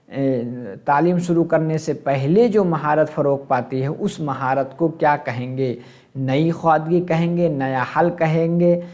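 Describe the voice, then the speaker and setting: A man's voice: fairly high pitch, darkish tone. A man teaching an exam-prep lesson, asking questions and answering them himself and glossing terms in English.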